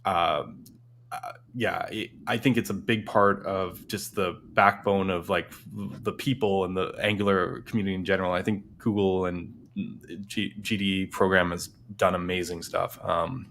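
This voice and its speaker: A man's voice: sits low, fairly even intonation, normal speed, creaky, a bit bright, slight background noise. A man hosting a casual tech livestream, rambling with many restarts and fillers. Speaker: livestream host.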